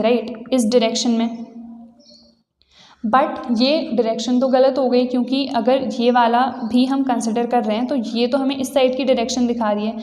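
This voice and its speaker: A woman with an Indian accent teaching a physics lesson, mixing Hindi and English and slowing down for definitions. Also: on the high side, darkish tone. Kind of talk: explanatory Hinglish lecture. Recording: echoey room with long reverb.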